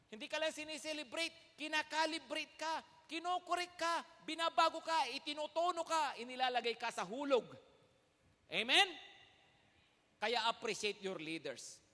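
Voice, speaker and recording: A man's voice: very high-pitched, a little slow, pushed and bright. A man preaching a sermon as pastor, emphatic, calling out "Amen?" to the congregation and switching between Tagalog and English. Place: large church hall. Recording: long hall reverb.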